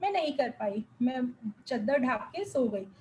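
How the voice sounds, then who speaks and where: High-voiced woman telling an earnest testimony. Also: sing-song, moderate pace, darkish tone, a little hiss or hum, low-quality recording. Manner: earnest, emotional storytelling with English words mixed in. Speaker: devotee sharing a testimony. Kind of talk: spoken spiritual testimony to a congregation.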